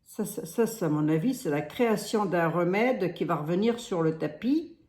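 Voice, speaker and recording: With a lowish, expressive and slightly mellow voice at normal speed, a woman rambles through a tarot reading in a roomy-sounding space. Her Lorraine French accent shows, and she often restarts sentences and says "hein".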